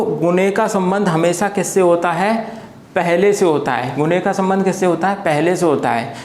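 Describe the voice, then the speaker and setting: A man's voice: sits high, a little mellow. Patient man teaching at a board. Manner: asks rhetorical questions and answers them himself; repeats key points patiently. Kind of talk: classroom lecture at a board. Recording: echoey room.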